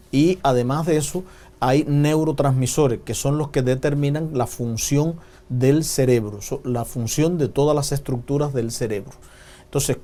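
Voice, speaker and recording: Calm, mellow-voiced male doctor explaining. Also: mid-range voice. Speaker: physician guest. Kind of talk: educational explanation on a TV talk show.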